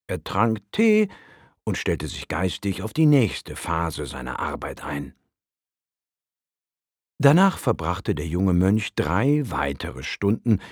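Brief: male narrator, calm storybook reading, very slow, dry close sound. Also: fairly low pitch, husky, dry recording.

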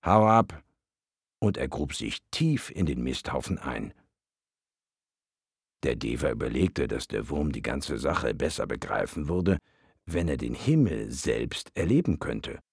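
A man narrating a storybook-style audiobook in a measured, expressive way. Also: very deep voice, vocal fry, slightly rough, no echo, studio quality.

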